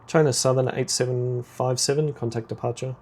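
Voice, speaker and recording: A man role-plays an air traffic controller in a simulator game, his creaky voice handing out short, procedural radio directions. Medium in pitch and fairly even in intonation, he talks a bit quickly with a slightly mellow tone.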